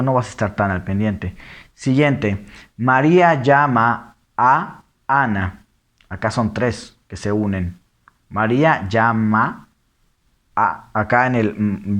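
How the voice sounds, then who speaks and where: Slow-talking man teaching. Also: lowish voice. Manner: explanatory, reads examples aloud slowly then fast. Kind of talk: lecture on diction.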